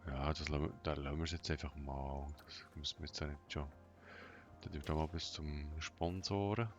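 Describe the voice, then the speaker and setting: A man giving an unscripted game walkthrough in a flat, emotionless monotone, thinking aloud in short, hesitant fragments. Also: a bass voice, brisk. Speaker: gaming tutorial host. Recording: dull lo-fi sound, music behind.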